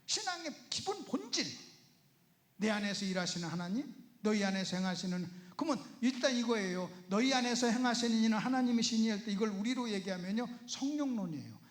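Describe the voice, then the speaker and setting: A man's voice: high voice, animated, fairly quick. A male pastor preaching at a Bible seminar in a church, often putting rhetorical questions to the audience. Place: church sanctuary. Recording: roomy church echo.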